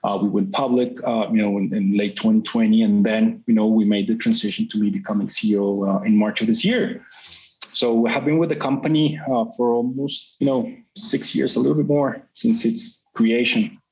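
A talkative middle-aged Colombian man, a company CEO, tells his story in a business interview, full of "you know" fillers and restarts. His voice is fairly low, dark-ish, and steady at a normal speed, with slightly muffled sound.

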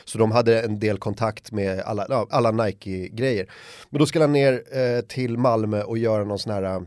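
A man chatting casually on a podcast, telling an animated anecdote and acting out the shouts and quotes of the people in it. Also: lowish voice, no room sound, studio quality. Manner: lively anecdote teller, acts out shouts and quotes. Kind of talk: casual chat, animated storytelling.

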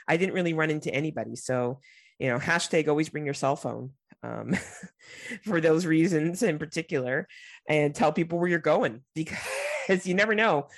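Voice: medium pitch, moderate pace, dry recording, studio quality. Nasal, congested podcast co-host with a cold. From Canada. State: has a cold. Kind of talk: casual podcast chat.

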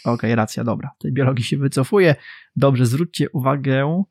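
Podcast guy explaining a book, gravelly voice, steady and measured. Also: medium pitch, no echo, clean studio sound. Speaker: podcast co-host. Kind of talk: book discussion podcast with readings.

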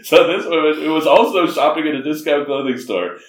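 A man co-hosting a podcast, talking through a film review in a loose, chatty way. His voice sits a bit high and jumps around a lot as he laughs and reacts in disbelief. He sounds set back from the mic in a room with a noticeable echo. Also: brisk, distant mic. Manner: laughs often, animated and incredulous. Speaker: podcast co-host. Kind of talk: casual film review chat.

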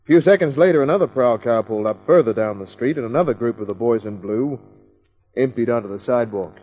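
An actor playing a wisecracking hard-boiled detective. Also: male voice, mid-range voice, quick pace, darkish tone, lo-fi sound, faint music behind, lightly acted. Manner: dry, wisecracking. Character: hard-boiled private eye, wry and cool. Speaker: narrator and lead. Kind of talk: 1940s radio acting.

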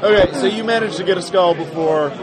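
A man running a tabletop role-playing game as game master, improvising narration haltingly. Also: high voice. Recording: loud crowded convention hall chatter.

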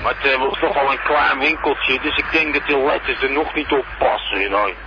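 A man playing a hesitant shopkeeper who phones in to a radio show from a roadside, talking in halting bits full of pauses. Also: medium pitch, music in the background. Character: hesitant male shopkeeper phoning in from a busy roadside. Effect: caller heard over a phone line on a radio show. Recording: muffled phone line with loud traffic behind. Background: traffic noise from a busy road.

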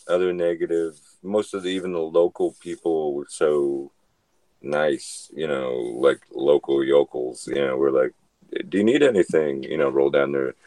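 Low-voiced man rambling through stories. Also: a little mellow, dry recording. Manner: rambling storyteller, many "you know" fillers. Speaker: podcast guest, thru-hiker. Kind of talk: casual chat.

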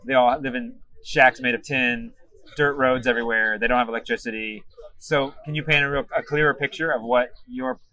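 A man's voice: mid-range voice, fairly even intonation, a little fast, bright, forceful tone. An American man hosting a casual podcast interview, asking questions and musing aloud, recorded a little away from the microphone. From United States. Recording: voice far from the mic.

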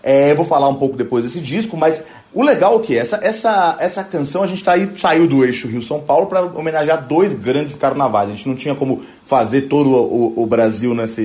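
A man hosting a music program, talking casually about a song just played, halting often with repeated restarts as he looks for words. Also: mid-range voice, a little mellow. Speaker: music show host. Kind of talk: casual radio music commentary.

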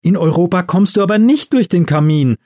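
A man voicing a nervous, scheming young female elf who talks in an excitable, conspiratorial way. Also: sits high, brisk, pitched above the performer's own voice. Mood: excited.

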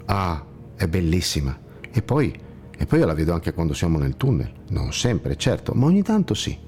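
Man voicing a gentle monk in a storybook, calm n reassuring, low voice with a lot of melody. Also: normal speed, soft background music. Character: gentle, kindly, slightly ironic blind monk guide.

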